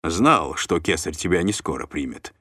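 A man's voice: low voice, expressive, normal speed, bright, forceful tone, dry recording, studio quality, exaggerated voice. A man voicing a plump, sly and jovial noble uncle who banters and bargains. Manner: chatty, bantering, scheming.

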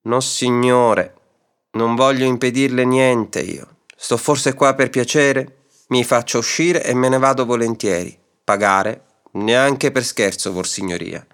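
A man's voice: on the low side, normal speed, a bit bright, close to an everyday voice. A man doing a sly, placid old pot-mender. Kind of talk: audiobook reading of a classic story.

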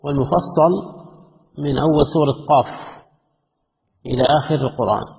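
Gravelly man teaching in an echoey hall. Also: on the high side, fairly even intonation. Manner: measured, reads quoted passages then comments. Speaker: Islamic scholar teaching a text. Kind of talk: religious lesson, reading and explaining a classical text. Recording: echoey hall, tinny phone-like lo-fi audio.

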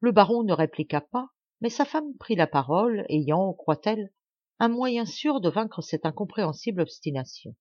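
A woman from France giving an expressive, measured literary audiobook narration. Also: medium pitch, dry recording. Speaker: audiobook reader. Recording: dull, dry home recording.

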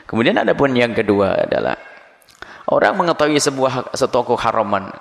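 A middle-aged man preaching a Ramadan sermon in a lively, playful way, acting out everyday examples. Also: medium pitch, a little fast, vocal fry. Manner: animated, playful, acts out examples. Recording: long hall reverb.

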